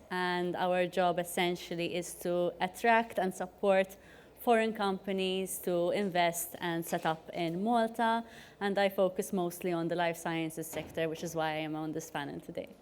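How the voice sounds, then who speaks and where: A woman speaks on a conference panel. Her voice is smooth and clear and sits a little low, and she talks chattily, with plenty of "you know" and fillers. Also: steady tone, normal speed.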